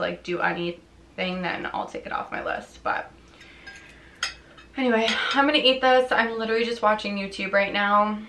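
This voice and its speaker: A young woman vlogging from her living room couch, tired and chatty, talking casually and saying "like" a lot. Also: on the low side. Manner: relaxed, chatty, heavy use of "like". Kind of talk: casual vlog chat. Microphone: camera on a tripod. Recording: roomy home recording with faint hiss.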